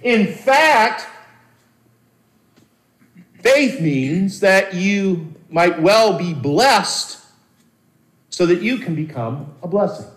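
A man preaching a sermon as a pastor, earnest and animated, with dramatic pauses and repeated words. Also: high-pitched. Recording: roomy echo.

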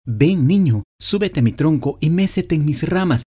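A selfless talking apple tree from a storybook speaks in a tender, coaxing voice, performed by a man. The voice sits noticeably higher than the reader's own and leans forward with warmth and longing. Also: animated, normal speed, husky.

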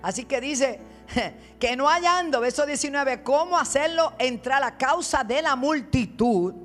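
A woman preaching a sermon as a guest preacher, retelling scripture dramatically and dropping to low asides. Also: animated, a little slow, faint music behind.

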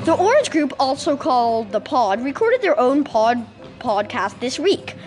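Animated woman telling a story. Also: high-pitched, measured pace, over music. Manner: animated, acts out quotes. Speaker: host. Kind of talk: storytelling chat.

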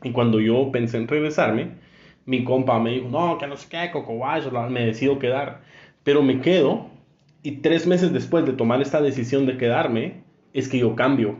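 A man's voice: mid-range voice, normal speed, a little mellow. Joking young male host. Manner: joking, teasing. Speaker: podcast host. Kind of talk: casual interview. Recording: roomy, muffled podcast audio.

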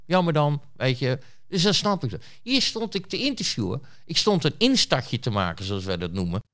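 A man's voice: a little high, big pitch swings, normal speed, a bit bright. A man being interviewed, who tells a story in a blunt, rambling way with lots of fillers and restarts. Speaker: interview guest, street reporter. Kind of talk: casual storytelling.

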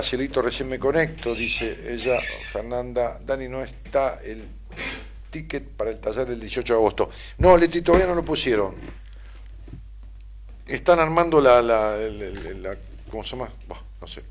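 A man with an Argentine accent hosting a casual stream, reading listener messages aloud in a playful, teasing way. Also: medium pitch. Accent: Argentine Spanish. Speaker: radio and stream host.

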